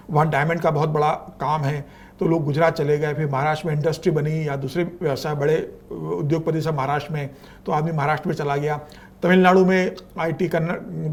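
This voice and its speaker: Fast-talking high-voiced journalist man. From Madhya Pradesh, India. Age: middle-aged. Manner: emphatic, opinionated, quick to agree. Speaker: senior journalist. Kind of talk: panel discussion.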